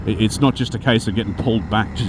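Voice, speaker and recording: A man's voice: on the low side, quick pace, background noise. A man with a broad Australian accent giving an informal, unscripted teaching talk to viewers, rambling and correcting himself as he goes. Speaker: spiritual teacher and video host.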